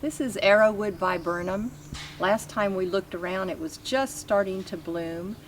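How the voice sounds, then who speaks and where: Giving a garden tour outdoors at her home, a woman from Kentucky casually explains her plants in everyday language, in an instructive way. Her pitch is medium and she talks at normal speed. Behind her there's faint outdoor ambience.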